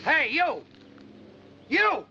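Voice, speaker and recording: An actor playing a peppery older army officer in 1940s screwball comedy banter, blustering with old-fashioned exclamations. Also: male voice, extremely high pitch, animated, fairly quick, sharp tone, heavily acted. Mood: demanding. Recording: hissy, muffled old film soundtrack.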